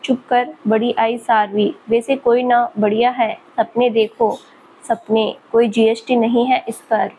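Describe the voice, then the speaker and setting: A teasing young male professor with a light, higher voice , played by a woman reading a storybook. He is playful and mischievous, always poking fun with a grin in his words. Faint background hiss sits under the voice. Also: flat delivery, unhurried, dark tone, lightly acted, low-quality recording. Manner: teasing, laughing at her.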